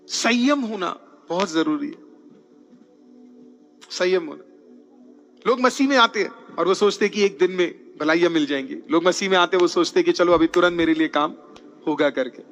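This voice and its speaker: A man preaching a sermon in a high, bright voice, calling out hallelujah between points and mixing in English phrases. Faint music plays softly underneath him. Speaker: pastor. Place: church.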